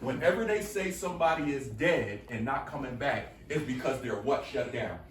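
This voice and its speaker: A man's voice: medium pitch, expressive, moderate pace, a little hiss or hum. A man leading a room of students in a call-and-response lesson, coaxing answers by repeating his questions with energy. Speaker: workshop speaker. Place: school classroom with students. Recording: echoey room from far off.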